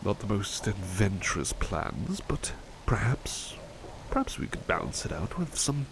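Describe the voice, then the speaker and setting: Here a man's lowish, very animated voice moves a little slowly, heavily acted, as he portrays a devoted butler in an ASMR roleplay of personal attention. Mild-mannered and formal, he muses hesitantly and sounds pleased and bashful. A clearly noisy ambience runs behind him.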